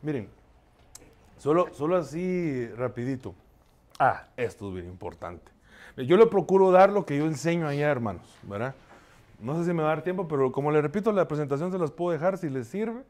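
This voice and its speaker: A man's voice: a little high, expressive, brisk, darkish tone. Conversational man preaching to a congregation. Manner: conversational preaching, constantly addressing listeners and asking for responses; confessional, shares his own failings. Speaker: pastor. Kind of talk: sermon.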